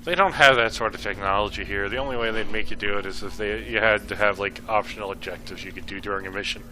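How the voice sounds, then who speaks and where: A man's voice: fairly low pitch, fast, pushed and bright, poor audio. A man co-commentating a let's play with dry, offhand remarks. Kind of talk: casual gameplay commentary.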